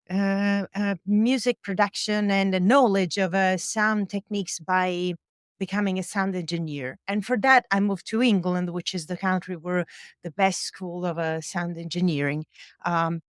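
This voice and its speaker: A European woman, a musician and sound engineer, chats casually as an interview guest from her home recording studio on a boat, using lots of fillers and small laughs between thoughts. Her mid-range voice is clear and resonant, with clean studio sound and no echo.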